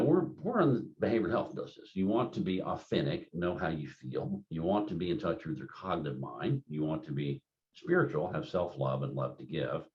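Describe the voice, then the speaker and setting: A man's voice: sits low, darkish tone. An older man giving a continuing-education lecture in a rambling, anecdotal, conversational way, full of fillers. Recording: dull lo-fi lecture recording.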